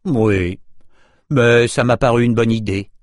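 A man playing a calm, wry male hero. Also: medium pitch, a little slow, no echo, clean studio sound, natural voice. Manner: calm, matter-of-fact explaining.

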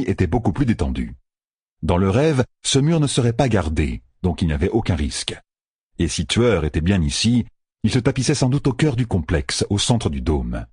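Male narrator, audiobook, low voice, husky and breathy. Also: dry recording, studio quality. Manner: expressive storytelling. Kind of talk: scripted narration.

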